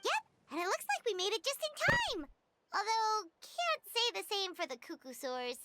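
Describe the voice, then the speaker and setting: Paimon, squeaky tiny fairy companion. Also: female voice, very animated, moderate pace, very noisy. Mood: amazed. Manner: squeaky, chirpy, refers to self by name. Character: tiny childlike chirpy floating fairy companion. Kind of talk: scripted game character acting.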